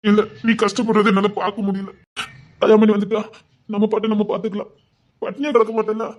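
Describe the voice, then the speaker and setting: A woman acts the part of a young village man doting on his sweetheart in a village romance drama, coaxing and fussing at a fast clip. Her mid-range voice keeps a level tone and sounds close to how she normally speaks.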